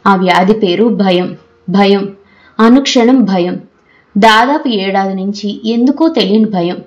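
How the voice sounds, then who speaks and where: A woman's voice: medium pitch, dull audio. Woman narrating an audiobook novel.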